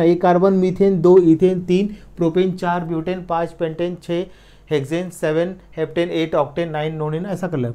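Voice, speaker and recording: A man teaching chemistry in an exam-prep lecture, repeating key slowly and checking in with his students. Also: fairly high pitch, mellow. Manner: repeats key words slowly, counts aloud, checks in with the listener.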